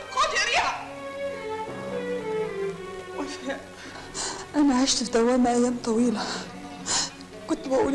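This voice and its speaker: A woman's voice: high-pitched, reverberant, close to an everyday voice, low-quality recording. An actress with an Egyptian accent playing a young policewoman who emotionally confronts her mother. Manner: emotional, pleading. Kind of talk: film drama acting.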